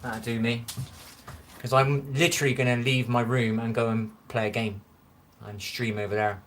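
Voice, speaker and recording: A man's voice: mid-range voice, flat delivery, normal speed, fairly bright tone, slight background noise. A chatty man with a Bristolian West Country accent, rambling and easily amused as he reads out viewer comments on a phone live stream from his room. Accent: Bristolian West Country English. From Bristol, England. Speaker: livestreamer. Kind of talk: casual live-stream chat reading comments. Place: his own room, lights low.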